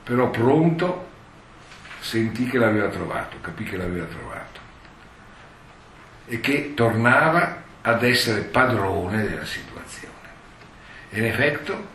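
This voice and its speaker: Male lecturer, lowish voice, explanatory and digressive; distant mic in a roomy hall. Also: lively intonation, a little slow, long pauses, pushed and bright, slight background noise. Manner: digressive, explanatory, with many asides. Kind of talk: lecture, reading and explaining a text.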